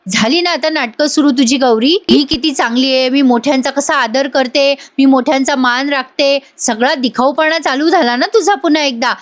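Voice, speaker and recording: A woman's voice: sits high, normal speed, hardly any pauses, lightly acted. A woman reading the lines of a scornful, domineering middle-aged sister as she retells a TV episode. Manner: taunting, scolding. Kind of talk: retold dialogue in a TV episode recap.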